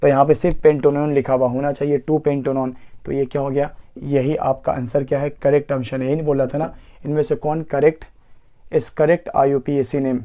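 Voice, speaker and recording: Mellow-voiced teacher counting aloud. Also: male voice, mid-range voice, flat delivery, moderate pace. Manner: asks rhetorical questions and answers them himself; counts carbons aloud step by step. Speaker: chemistry teacher. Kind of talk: exam-prep lesson explanation.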